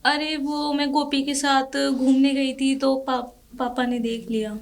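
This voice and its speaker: A woman's voice: high voice, level tone, unhurried. A woman playing an earnest, defiant young daughter. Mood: casual. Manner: earnest, pleading arguments. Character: idealistic young daughter, kind-hearted and defiant. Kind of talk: low-budget film drama acting.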